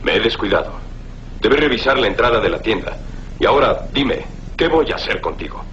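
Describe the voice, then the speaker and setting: A man's voice: fairly low pitch, expressive, brisk, a little hiss or hum. A man voicing an upright, confident superhero soldier in a dubbed cartoon, speaking in a firm, declamatory way. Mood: stern, resigned. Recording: dull lo-fi soundtrack under loud music.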